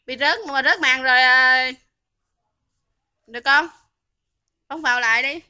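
A woman's voice: high-pitched, steady tone, measured pace, sharp tone, muffled recording. A woman on a phone livestream, scolding and taunting commenters in a heated argument. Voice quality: scolding, taunting, repeats questions. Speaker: livestream host.

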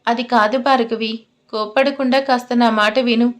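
A woman voicing a caring young man who pleads gently on a phone call between friends. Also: on the high side, steady tone, normal speed, natural voice. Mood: earnest.

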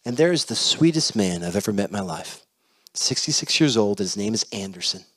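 A male pastor preaching a sermon, telling stories in an animated way that swings between loud and hushed. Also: on the low side, brisk. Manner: animated, shifting loud and soft. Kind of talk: storytelling sermon.

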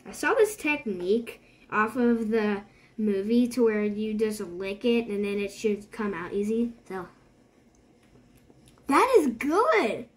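A woman vlogging casually to camera, excitable and nervous, often dropping to a hushed voice. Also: medium pitch, measured pace. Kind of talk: casual vlog chat to camera.

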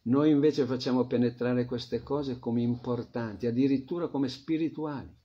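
A man teaching a devotional scripture class, reflective, often trailing off into a soft murmur. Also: medium pitch, steady tone, normal speed. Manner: reflective, drops to a soft murmur at phrase ends. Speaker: spiritual teacher. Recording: dull lo-fi recording.

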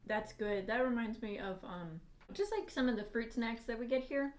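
An American woman in a casual taste-test chat, talking while chewing, relaxed and chatty. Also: a little high, normal speed. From United States. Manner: relaxed, chatty, laughs easily. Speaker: video co-host.

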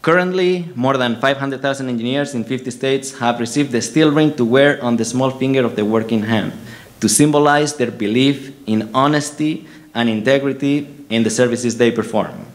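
A man's voice: medium pitch, moderate pace. A man, an engineering professor, speaking at a graduation induction ceremony, joking at first and then reading a formal history. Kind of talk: ceremony speech. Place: ceremony hall.

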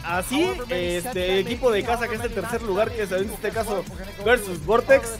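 A man co-hosting a casual gaming chat show, joking and chatty, with drawn-out fillers. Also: high voice, music in the background. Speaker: co-host.

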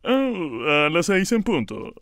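A crafty storybook wolf with a smooth voice that swoops up and down, stretching each word as he schemes, as a man acts him out. Slow and close, with a dry sound. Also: on the high side, big pitch swings, fairly bright tone, dry recording, voice pushed up, exaggerated voice. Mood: sly. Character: sly, hungry big bad wolf.

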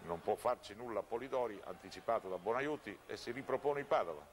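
Low-voiced man commentating over noise. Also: expressive, quick pace. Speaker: football commentator. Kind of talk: live TV football match commentary. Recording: noisy old TV broadcast audio. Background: outdoor stadium ambience.

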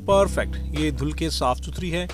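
A man's voice: fairly high pitch, normal speed. Man narrating a recipe. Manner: friendly, step-by-step, keeps saying "perfect". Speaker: cooking show host, chef. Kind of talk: voice-over recipe instruction. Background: guitar music.

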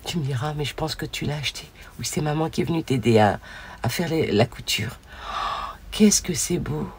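A woman vlogger opening crafted mail, gushing over each piece and often dropping to a soft whisper. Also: low-pitched, brisk, breathy edge. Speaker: scrapbooking vlogger. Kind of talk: casual mail-opening vlog.

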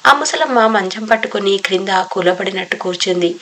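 A woman narrating a novel as an audiobook, with steady, even storytelling. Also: mid-range voice, normal speed, a little hiss or hum, low-quality recording.

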